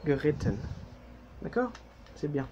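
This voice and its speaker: Man with a French accent, high voice, chatty teacher, noisy recording. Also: big pitch swings, slow, highs cut off. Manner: chatty, jokey, with frequent fillers and self-corrections. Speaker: German teacher. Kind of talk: casual language lesson.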